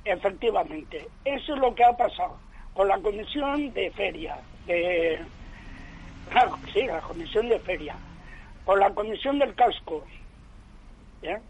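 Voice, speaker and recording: A man calling in over the phone to a radio debate, making his points earnestly and deliberately, repeating them. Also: high voice, lively intonation, a little hiss or hum, rough recording. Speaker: radio caller. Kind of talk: call-in opinion on a radio debate.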